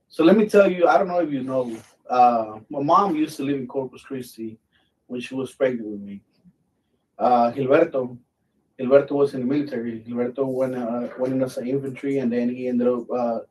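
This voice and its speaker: A middle-aged Mexican man and military veteran, speaking at medium pitch, tells stories bluntly and easily, swearing freely during a casual live chat. He appears as a guest with the channel host, and the recording is rough and picked up from a distance.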